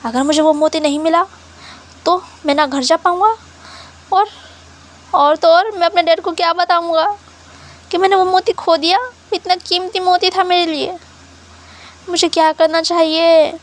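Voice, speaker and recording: A woman's voice: very high-pitched, fairly even intonation, normal speed, pauses often. A woman voicing a young male sea creature who has lost his pearl, talking in a whiny, frustrated way. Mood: distressed.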